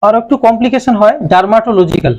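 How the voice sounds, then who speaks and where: In lo-fi audio, a fast-talking man with a high voice and a Bengali accent delivers a classroom-style lecture on medicine, explaining terminology and answering the very questions he asks.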